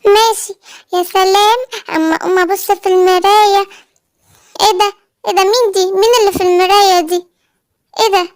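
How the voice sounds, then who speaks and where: A woman's voice: fairly even intonation, quick pace, long pauses. A woman with an Egyptian accent voicing a sleepy, anxious little girl cow in a children's cartoon story. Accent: Egyptian Arabic. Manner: squeaky childlike voice.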